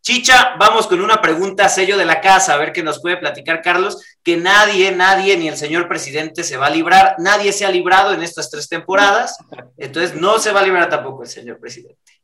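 A man's voice: high voice, brisk, sharp tone, echoey room. A man hosting a radio interview, upbeat and full of praise. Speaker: radio show host.

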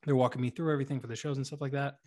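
A man's voice: medium pitch, flat delivery, very fast, a little mellow. A man co-hosting a podcast in casual comedic banter, joking, swearing and poking fun at himself. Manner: profane, joking, self-deprecating. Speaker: podcast co-host.

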